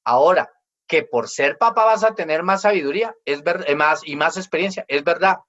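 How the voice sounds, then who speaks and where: A man in his forties, serving as pastor, delivers an emphatic family sermon, mimicking children's complaints in quoted voices. His voice is a little high and a bit bright, at normal speed, with lo-fi sound.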